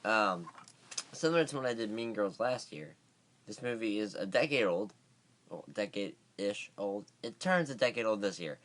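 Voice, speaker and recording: A man's voice: on the low side, expressive, normal speed, fairly bright tone. A man giving a casual vlog movie review, rambling with many fillers and restarts, and sounding tired.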